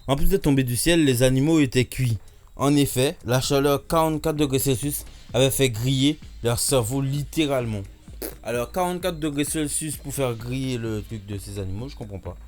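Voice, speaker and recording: A man's voice: mid-range voice, normal speed, darkish tone. Joking young man reacting to videos. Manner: joking, sarcastic asides, many filler "hein". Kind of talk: casual reaction commentary.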